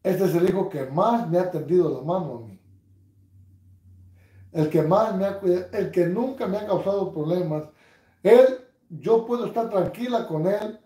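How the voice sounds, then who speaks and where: High-voiced, mocking older man. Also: moderate pace, reverberant. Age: 60s. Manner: crude, mocking, laughs loudly at his own jokes. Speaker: livestream host. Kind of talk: casual livestream chat reading comments. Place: living room, seated on a couch at home.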